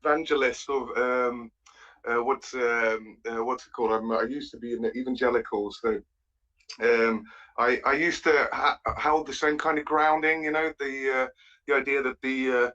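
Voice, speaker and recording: A man from the Netherlands calling in, speaking haltingly, with many pauses and restarts. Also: mid-range voice, fairly even intonation, sharp tone. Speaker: caller. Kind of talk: casual call-in chat. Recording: dull lo-fi call audio.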